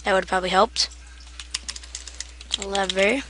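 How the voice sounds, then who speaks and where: A woman's voice: medium pitch, fairly even intonation, a little slow, noisy background. A woman giving a casual, rambling game tutorial, half asleep and self-deprecating, with keyboard typing behind her. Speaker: gaming tutorial maker.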